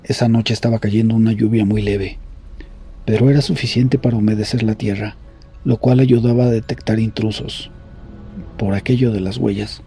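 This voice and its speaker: A man reading horror stories aloud in a grave, measured storytelling voice. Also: lowish voice, steady tone, mellow, soft background music. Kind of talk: scripted horror story narration.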